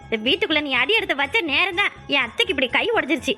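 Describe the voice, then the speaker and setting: A woman voicing a scheming, sharp-tongued young woman in a cartoon, taunting and ordering the others around. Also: high voice, lively intonation, very fast, soft background music. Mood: mock sympathy. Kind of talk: cartoon voice acting.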